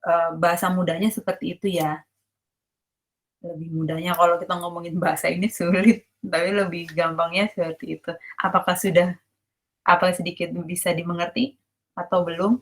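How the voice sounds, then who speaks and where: A woman's voice: lowish voice, flat delivery, normal speed. Woman lecturing casually in an online class. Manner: explains casually, checks if students understand; mixes English terms into her speech. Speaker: university lecturer.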